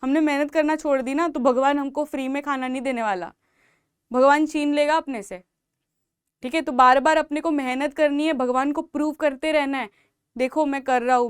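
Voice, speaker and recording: A young Indian woman teaching biology for exam prep, talking loudly and emphatically, repeating points and urging her students to work hard. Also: high-pitched, no echo, clean studio sound. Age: young adult. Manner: emphatic, repetitive, motivational, calls out loudly to students. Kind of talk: exam-prep lecture in Hindi mixed with English.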